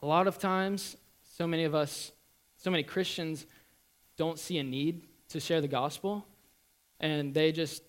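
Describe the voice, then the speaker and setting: An earnest young man tells his church testimony in a slightly high voice. He talks in a halting way, full of ums, restarts and repeated words. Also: fairly even intonation. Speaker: student giving a testimony.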